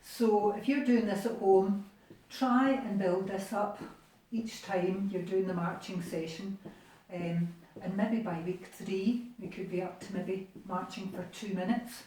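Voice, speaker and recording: A woman's voice: medium pitch, fairly even intonation, measured pace, dark tone. A Scottish woman leading an exercise class from a living room, encouraging and chatty as she talks through each move. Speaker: exercise instructor. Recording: echoey room, distant mic.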